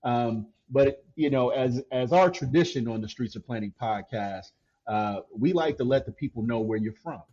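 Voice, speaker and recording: Man, podcast host, casual chat, stumbling restarts, mellow, lo-fi sound. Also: mid-range voice, normal speed, husky. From Canton, Ohio. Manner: relaxed, repeats words as he starts sentences.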